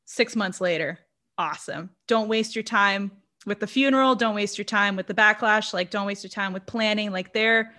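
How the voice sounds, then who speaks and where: In a bright, forceful voice of medium pitch and normal speed, a Brazilian podcast co-host chats about a horror film. Her first language is Portuguese, and the casual review is packed with fillers and laughter.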